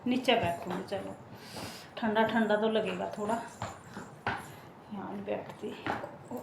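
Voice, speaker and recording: A young woman vlogging casually from her hot home kitchen, hoarse and unwell, chatting and complaining straight to her viewers. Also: mid-range voice, steady tone, measured pace. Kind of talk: casual chat to camera. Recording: echoey room, faint noise.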